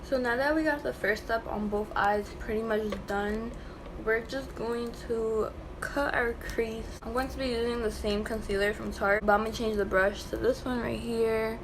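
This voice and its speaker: A woman's voice: on the high side, fairly even intonation, moderate pace. A young woman with a slight lisp from a new tongue piercing, chatting casually through a makeup tutorial at home. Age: young adult. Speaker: makeup vlogger. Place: small bedroom at home, indoors. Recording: clearly noisy home room recording.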